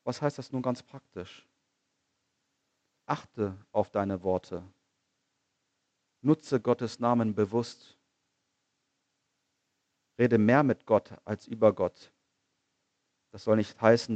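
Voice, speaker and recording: A man preaching a sermon in an earnest manner, asking rhetorical questions, repeating phrases and slowing down on key lines. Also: on the low side, a little mellow, no room sound, highs cut off.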